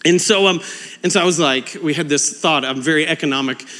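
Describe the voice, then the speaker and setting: A man in his thirties preaching a sermon, impassioned and animated, mixing humorous stories with urgent exhortation. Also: on the high side, fairly quick. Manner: impassioned, building to fervent exhortation. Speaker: pastor. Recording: long reverb with faint music.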